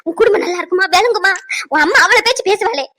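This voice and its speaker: A woman voicing a distraught middle-aged mother who swings from wailing to shouting threats, in a Tamil cartoon dub. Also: very high-pitched, animated, fast, no room sound, exaggerated voice. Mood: furious. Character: distraught middle-aged mother, fierce to her daughter-in-law.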